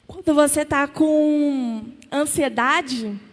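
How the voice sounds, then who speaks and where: A woman's voice: high voice, slow. A woman with a Brazilian Portuguese accent preaching a sermon, with emphatic, repeated questions to the congregation. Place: church. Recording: long church reverb.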